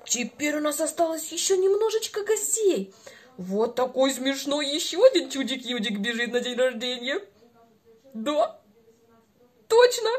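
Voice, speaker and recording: A woman in her twenties over-enunciating in an animated, sing-song, encouraging way as she leads a playful speech lesson for a small child. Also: high-pitched, moderate pace. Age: 20s.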